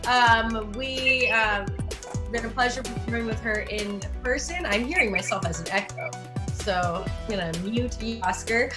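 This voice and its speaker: High-pitched lady host on a zoom comedy night, chatty and upbeat, music playing behind her. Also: measured pace. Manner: upbeat, chatty, jokes about her power to mute people. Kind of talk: hosting an online comedy show. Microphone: video call.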